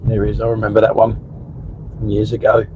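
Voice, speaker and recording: Hoarse, flat-toned Englishman, voice giving out. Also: on the low side, a little fast. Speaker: driver and live streamer. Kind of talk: casual chat while driving. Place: inside a moving car. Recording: clear car engine and road noise. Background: vehicle noise.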